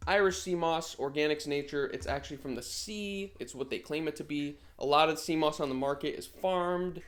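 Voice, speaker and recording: A man's voice: on the high side, fairly quick. Brash motivational man in his thirties. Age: 30s. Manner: brash, motivational, swears freely. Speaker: vlogger. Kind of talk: casual vlog talk.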